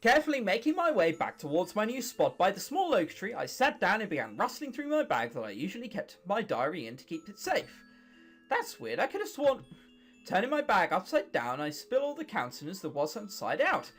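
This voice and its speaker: A British man in his late teens from England reads a visual novel aloud as a gaming video host, adding casual, sarcastic, sweary commentary. His high, somewhat bright voice swings hugely in pitch and moves fairly quickly, with music in the background.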